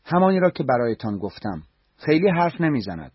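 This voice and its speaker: A man's voice: medium pitch, very animated, breathy edge, no echo, pitched above the performer's own voice. A man voicing a bitter forty-year-old wife. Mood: complaining. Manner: blunt, sarcastic, defensive. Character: angry forty-year-old married woman. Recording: dull lo-fi recording.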